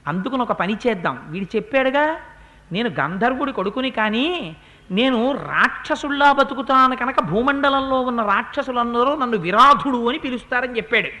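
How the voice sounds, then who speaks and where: A man voicing a heroic prince who gives his brother calm, steady instructions. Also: extremely high pitch, moderate pace, heavily acted. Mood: commanding.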